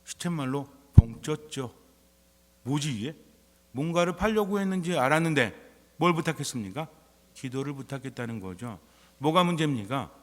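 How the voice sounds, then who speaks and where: Priest preaching in a reverberant church. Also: male voice, a little high, expressive, fairly quick, a bit bright. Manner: conversational preaching full of rhetorical questions. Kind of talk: sermon.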